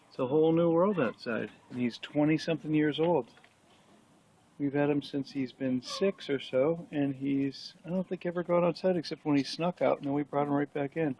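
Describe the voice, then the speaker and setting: A man's voice: on the high side, muffled recording, a little hiss or hum. Amused man filming his cat outdoors. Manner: amused, teasing, talks fondly to the cat. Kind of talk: casual home video commentary.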